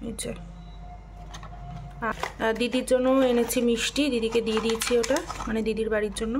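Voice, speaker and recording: Young woman, high voice, chatty everyday vlog talk, loud noise behind. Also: flat delivery, brisk. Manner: chatty, talks straight to viewers. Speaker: vlogger. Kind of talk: casual everyday vlog narration.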